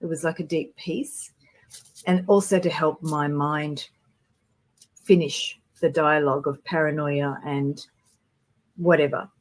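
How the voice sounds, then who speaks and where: A woman's voice: sits low, steady tone, measured pace, long pauses. A woman guest on a spiritual livestream, talking earnestly and telling stories with animation. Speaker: guest intuitive. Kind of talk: casual spiritual chat.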